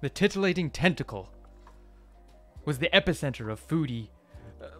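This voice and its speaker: A man voicing a bitter rival restaurateur with psionic powers, ranting loudly and indignantly. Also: on the high side, animated, moderate pace, faint music behind, pitched above the performer's own voice, lightly acted.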